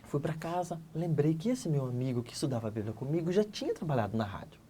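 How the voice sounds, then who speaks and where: A middle-aged man from Santa Catarina, Brazil, is a guest telling his own story. He talks quickly and acts out each exchange, getting loud, then hushed. His tone is dark and mellow, and there is a faint low rumble behind him. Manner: lively storyteller, acts out dialogue, swings between loud and hushed. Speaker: interview guest. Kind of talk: animated personal testimony.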